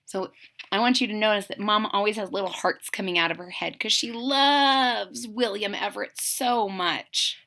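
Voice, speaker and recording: A kindergarten teacher reads a children's storybook aloud, adding expressive asides that explain things to her young listeners. Her voice is mid-range and her speed is normal.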